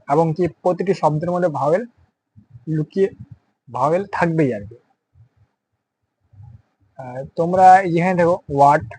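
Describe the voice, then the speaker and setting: A man teaching a beginner phonics lesson. He says each word slowly, spells it out letter by letter, and asks the students to say it aloud after him. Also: fairly high pitch, darkish tone, slightly rough, dry recording, poor audio. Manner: addresses students directly, asks them to pronounce aloud. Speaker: English teacher.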